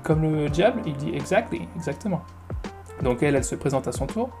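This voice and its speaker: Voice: medium pitch, expressive, brisk. Online English lesson host, step-by-step explanations in French, music bed audible. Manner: patient, explains step by step and repeats words. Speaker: English teacher.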